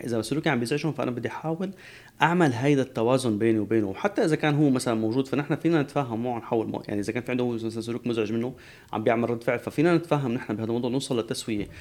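A man's voice: mid-range voice, a little mellow. A man, a guest expert on a talk show, explaining at length with frequent restarts.

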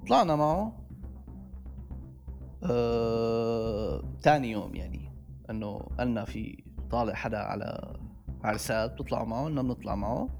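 A man's voice: mid-range voice, expressive, moderate pace, vocal fry, pauses often, darkish tone, faint music behind. Syrian man storytelling in Levantine Arabic accent. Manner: conversational, re-enacts dialogue as he tells it. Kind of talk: casual personal storytelling.

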